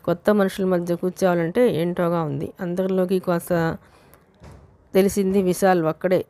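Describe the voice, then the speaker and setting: A woman's voice: on the low side, steady tone, moderate pace, dark tone. A woman narrating a romance novel audiobook with a Telugu accent, reading steadily and voicing each character's dialogue herself.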